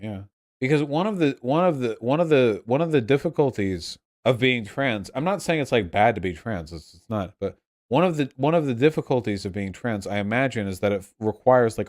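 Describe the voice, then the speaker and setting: A young man rambling casually to a livestream chat, sounding drunk, repeating and restarting his phrases. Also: on the low side. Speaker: livestream host answering chat.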